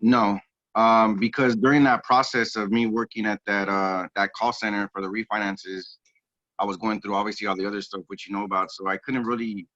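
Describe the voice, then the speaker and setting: A man, a real estate agent guest, telling his story in a relaxed, rambling way, heard over a phone speaker on a group call. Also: on the low side, brisk, no echo. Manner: relaxed, rambling, many ums and restarts. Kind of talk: casual interview storytelling. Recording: dull, dry phone audio.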